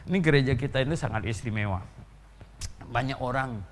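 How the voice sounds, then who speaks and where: A man pastor giving an animated sermon in a church, full of rhetorical questions and chuckling asides. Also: mid-range voice, fairly quick, long reverb tail, a little hiss or hum.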